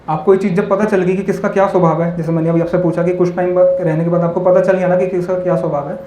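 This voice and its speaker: A man's voice: sits high, darkish tone, slight background noise. A man giving a spiritual talk to a live audience, telling parables and often checking in with questions to the listeners, mixing in English words. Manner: asks the audience constant tag questions; tells parables and stories. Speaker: monk speaker. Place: hall with an audience. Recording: echoey hall with faint ambience.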